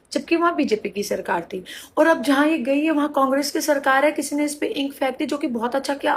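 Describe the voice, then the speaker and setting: High-voiced sneering woman commentator. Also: breathy edge. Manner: scornful, sarcastic. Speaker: political commentator. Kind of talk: mocking political roast.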